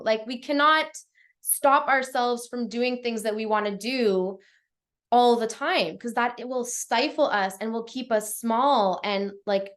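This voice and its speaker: A woman's voice: fairly high pitch, fairly bright tone. A woman coaching live over a video call, talking casually with lots of fillers and some swearing. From Canada. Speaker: life and business coach. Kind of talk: live-streamed coaching talk. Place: Portugal.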